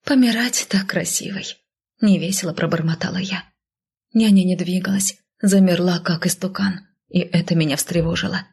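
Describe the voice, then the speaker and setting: A woman reading a first-person story aloud as an audiobook narrator, in a soft, often half-whispered way. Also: fairly low pitch, fairly even intonation, moderate pace, creaky, husky.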